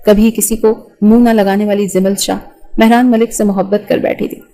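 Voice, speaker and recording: A woman narrating a romance novel with an even, storytelling delivery. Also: medium pitch, poor audio.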